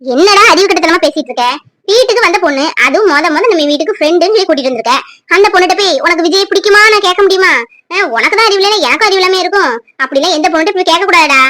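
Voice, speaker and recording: A high, sharp cartoon mother scolding at speed, as a woman acts her out. She nags and lectures without pause, her voice bright and tense. The sound is close and dry. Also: expressive, no echo, full character voice. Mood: indignant. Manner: shrill, scolding, rapid-fire. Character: nagging middle-aged widowed mother, scolding. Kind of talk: cartoon voice acting.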